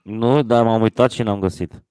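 Guy on a chat podcast, lowish voice, sarcastic jokes, dry sound. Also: fairly even intonation, warm tone, clear, resonant tone, dry recording. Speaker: podcast co-host. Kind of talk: casual chat.

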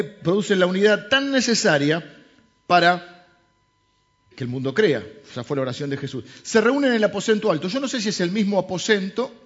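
Joking pastor with a Rioplatense accent. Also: male voice, high voice. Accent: Rioplatense Spanish. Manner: joking, conversational, with rhetorical questions. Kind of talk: sermon. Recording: slightly dull lo-fi sound.

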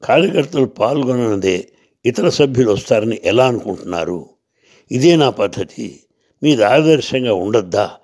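A man's voice: mid-range voice, a little fast, long pauses, a little mellow, pitched above the performer's own voice, lightly acted. A man voicing a stern poor railway porter who is a saint in disguise, scolding two officials. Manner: scolding, rebuking.

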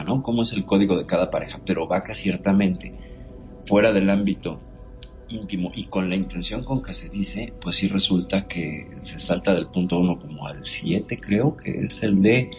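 Deep-voiced lecturing man. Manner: measured, lecturing, academic. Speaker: host. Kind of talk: explanatory talk show. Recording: dull lo-fi sound with faint music.

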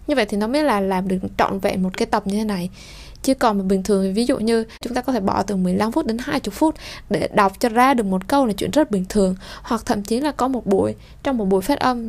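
A woman from Vietnam teaching French pronunciation, explaining at length and reading French example sentences slowly and clearly. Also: on the high side, a little mellow. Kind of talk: explanatory lesson.

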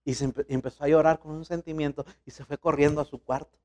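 A man's voice: on the high side, level tone, quick pace, warm tone. A man, a pastor preaching a sermon in a colloquial, storytelling way.

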